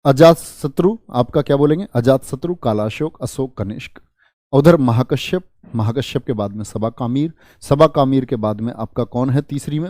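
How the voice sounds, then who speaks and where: A man teaching an exam-prep history lesson, speaking softly and drilling facts with repeated questions and memory tricks. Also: mid-range voice, no echo. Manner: speaks softly on purpose to spare his throat; addresses students as "bhaiya". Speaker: history tutor.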